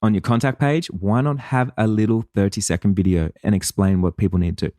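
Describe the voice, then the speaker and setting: Male podcast host and coach, lowish voice, dry close sound, blunt and emphatic, swears casually. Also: fairly even intonation, a little fast, warm tone, no room sound. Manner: acts out listeners' and clients' voices. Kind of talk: solo podcast monologue.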